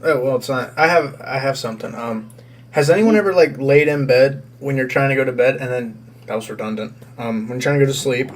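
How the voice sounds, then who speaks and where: Rambling young-sounding guest, mid-pitched man. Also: fairly quick. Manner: rambling, self-correcting. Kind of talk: casual chat.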